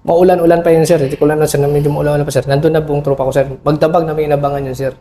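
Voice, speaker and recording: A middle-aged man, an army officer, recounting a battle in an interview, halting and full of fillers, respectfully calling his listener sir. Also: a little high, flat delivery, warm tone, a little hiss or hum. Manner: respectful toward a senior officer. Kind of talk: interview recollection.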